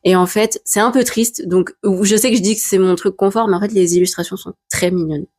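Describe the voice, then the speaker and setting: A woman's voice: medium pitch, steady tone, a little fast, darkish tone, dry recording, clean studio sound. A young woman in casual podcast chat, hesitant and giggly, often stumbling over her words.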